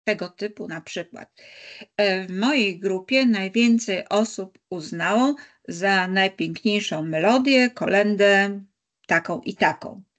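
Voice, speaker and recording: A woman leading a teaching-methods webinar, talking unscripted and measured, with frequent pauses and thoughtful hums. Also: mid-range voice. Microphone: video call.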